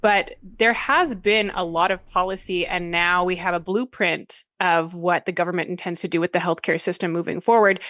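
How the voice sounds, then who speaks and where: A woman co-hosting a political podcast, telling stories in an animated, sardonic way. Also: fairly low pitch, dry recording, clean studio sound. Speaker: podcast co-host. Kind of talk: political commentary chat.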